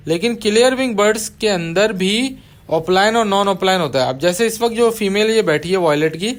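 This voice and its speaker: A man teaching budgie breeding in a patient voice-over, repeating key terms and dropping casual asides to his viewers. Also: sits high. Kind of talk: explanatory voice-over over bird footage.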